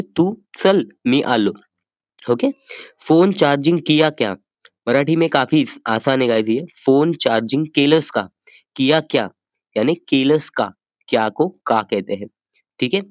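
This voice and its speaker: A man teaching a language lesson, patiently repeating each phrase slowly and checking that listeners follow. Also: medium pitch, a little mellow, no room sound. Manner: says phrases slowly and carefully for practice.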